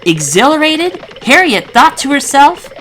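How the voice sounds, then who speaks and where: A woman reads a children's story as its narrator, with a high, lively voice. Faint noise runs behind the recording. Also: a little slow.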